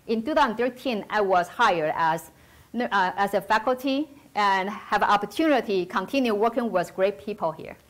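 A woman's voice: mid-range voice, normal speed, a bit bright. A woman from Taiwan in her forties with a Taiwanese accent, giving a careful, earnest prepared talk as a nursing professor on an auditorium stage.

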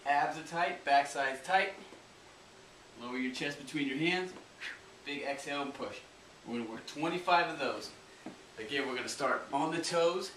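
A man's voice: a little high, moderate pace, bright, forceful tone, far from the mic. A man working as a fitness trainer, talking through a home workout with coaching cues. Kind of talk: workout instruction. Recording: roomy echo, off-mic, faint hiss.

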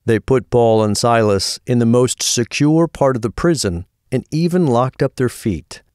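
Guy calmly narrating a bible story, mid-pitched voice, super dry studio sound. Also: normal speed, clean tone, dry recording.

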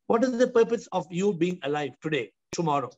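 A man's voice: sits high, expressive, brisk, a little mellow. A man in his fifties with an Indian accent, hosting a spiritual discussion with emphatic, repeated rhetorical questions. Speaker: host and spiritual teacher. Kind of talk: question-and-answer spiritual discourse. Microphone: video call. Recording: dull compressed video call audio.

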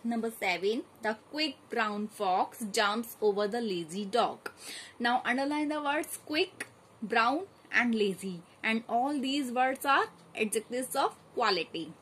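A woman teacher going through a grammar exercise, reading each sentence and then calmly telling the children which words to underline. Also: on the high side, a little slow, slight background noise, rough recording. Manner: steady, methodical dictation of exercise answers. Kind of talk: grammar lesson, reading out answers.

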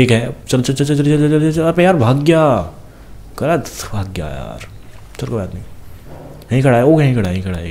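A young man casually commenting on his own gameplay, talking fast and teasing the enemies on screen. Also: lowish voice, darkish tone, a little hiss or hum. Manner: chatty, teasing enemies, talks fast while playing.

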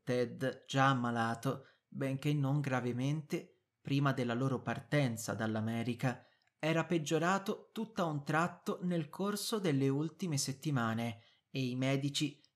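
A male narrator reading a novel aloud at a measured pace. His delivery is clear and even, made for learners. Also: mid-range voice. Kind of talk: scripted audiobook narration.

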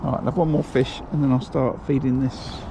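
A man with a medium-pitched, brisk voice and vocal fry mutters a relaxed running commentary to himself while fishing by a pond, now and then calling out to a friend. This angler vlogger is recorded outdoors on a body-worn camera, with noticeable wind and ambient noise.

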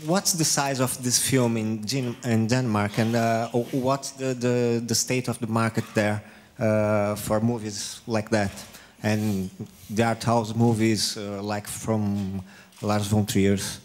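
Sex: man. Role: journalist. Pace: very slow, halting. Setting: press conference room, faint noise behind. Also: lowish voice, level tone. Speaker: journalist asking a question. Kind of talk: audience question.

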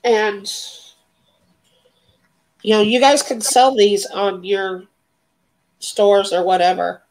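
Unhurried woman hosting a craft sale. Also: mid-range voice, flat delivery, a little mellow, rough recording. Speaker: live sale host and craft seller. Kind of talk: casual live-stream chat.

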